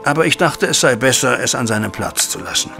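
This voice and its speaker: In a German audio drama, an actor plays a middle-aged widowed banker, a worried and disappointed father, recounting events formally and deliberately over a music bed. His mid-pitched voice has a gravelly creak and lively intonation, and his mood is grave and agitated.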